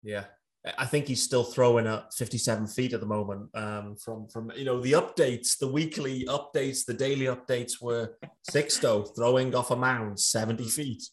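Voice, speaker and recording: A man's voice: medium pitch, fairly even intonation, moderate pace. A man hosting a podcast, chatting casually and handing the talk to his co-hosts. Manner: conversational, hands off to co-hosts. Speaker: podcast host. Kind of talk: casual chat.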